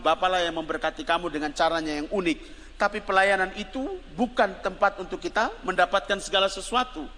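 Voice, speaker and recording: A male evangelist with a Kupang Malay accent giving a lively, joking sermon and calling on his congregation to respond. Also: a little high. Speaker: evangelist preacher. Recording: reverberant hall, faint background noise.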